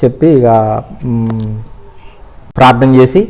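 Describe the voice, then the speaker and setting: A man's voice: medium pitch, fairly even intonation, slow, a little mellow. A middle-aged man telling his personal faith testimony in an earnest storytelling manner. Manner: earnest storytelling, re-enacting pleading prayers. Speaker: church member giving testimony.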